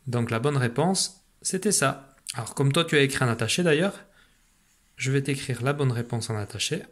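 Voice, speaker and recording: A man teaching a remote lesson to young children, patient and slow, repeating syllables for a dictation. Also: mid-range voice, expressive. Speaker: primary school teacher.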